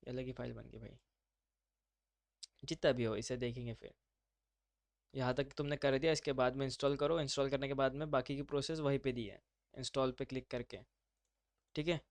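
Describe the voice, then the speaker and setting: A man's voice: medium pitch, steady tone, brisk, creaky, long pauses, no room sound. A man teaching a live online class, talking students through steps in an informal, chatty way. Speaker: instructor.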